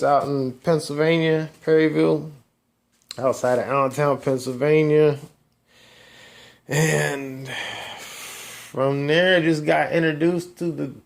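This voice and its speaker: A man in his forties telling his religious testimony in a rambling, halting way, with many restarts and trailing asides. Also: mid-range voice, creaky, a little mellow. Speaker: person sharing a testimony. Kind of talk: casual personal testimony.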